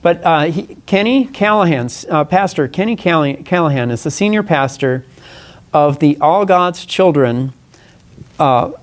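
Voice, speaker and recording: A congressional candidate speaks animatedly at a press conference, delivering a formal statement that is partly read aloud. His voice sits a little high for a man, and he's earnest and deliberate. Now and then he stumbles and fixes his wording.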